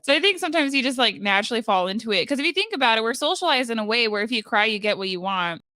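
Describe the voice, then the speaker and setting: A woman gives casual commentary in a bright voice with a dry, close sound. She is animated and acts out little quotes as she chats. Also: on the high side, rapid-fire, no room sound. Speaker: panelist reacting to a recording.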